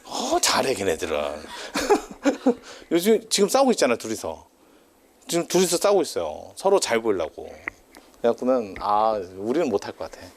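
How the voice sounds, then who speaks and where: Lively, chatty male lecturer. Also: medium pitch, normal speed, slight background noise. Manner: chatty, tangent-prone, laughs often, teasing. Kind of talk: casual classroom lecture.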